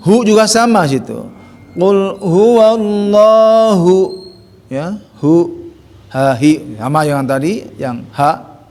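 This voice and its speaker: A man's voice: fairly high pitch, lively intonation, takes it slowly, a little mellow. A man teaching Quran recitation, drilling letter sounds in chanted syllables. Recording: long hall reverb.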